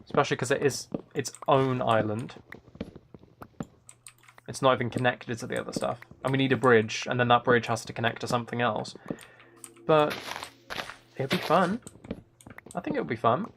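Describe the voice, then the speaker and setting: A man's medium-pitched, fairly bright voice moves at normal speed with frequent pauses as he chats on a gameplay livestream. He thinks aloud, rambling enthusiastically through ideas, while keyboard clicks sound clearly behind him.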